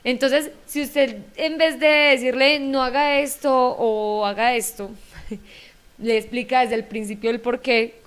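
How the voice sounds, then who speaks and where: Colombian woman host, friendly, draws guests in, slightly high voice. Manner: friendly, asks others for their view. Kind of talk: talk-show discussion.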